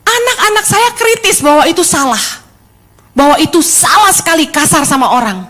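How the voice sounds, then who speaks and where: High-voiced animated woman preacher. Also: moderate pace. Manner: animated, mixes English phrases into her preaching. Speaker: pastor. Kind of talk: sermon.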